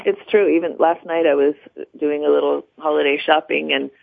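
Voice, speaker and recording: American woman guest giving tips, casual, bit of vocal fry, dry tinny phone line. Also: sits low, flat delivery, a little fast, dry recording. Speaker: guest, makeup stylist. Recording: thin phone-line radio sound.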